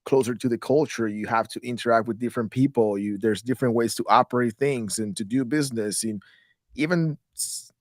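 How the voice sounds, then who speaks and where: A man from Guatemala in his thirties talks as an interview guest in a mid-pitched voice. He rambles and restarts words as he goes. The recording is close and very dry, with no room sound. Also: fairly quick, no echo. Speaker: guest, real estate investor. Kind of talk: casual interview talk.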